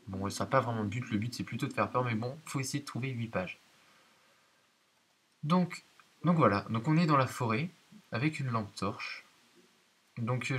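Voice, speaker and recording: A man's voice: medium pitch, fairly bright tone, husky. A man giving hesitant, explanatory let's-play commentary of a horror game, talking directly to his viewers. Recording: hissy home recording.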